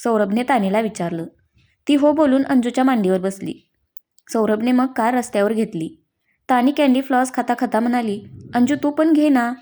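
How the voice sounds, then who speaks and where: A woman reading a story aloud, narrating at an even pace and lifting her voice a little for the characters' lines. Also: a little high, normal speed.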